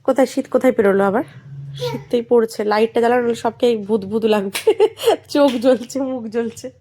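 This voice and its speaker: High-voiced mother coaxing her baby. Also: brisk, mellow, slight background noise. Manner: playful, coaxing baby talk. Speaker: vlogger mother. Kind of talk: casual home vlog, talking to her baby. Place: home bedroom at night.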